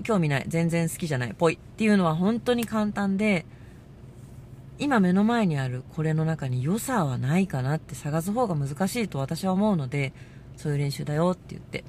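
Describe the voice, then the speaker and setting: A woman hosting a casual monologue, telling a story with lively delivery and acting out the voices she quotes. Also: lowish voice, slight background noise. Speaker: podcast host.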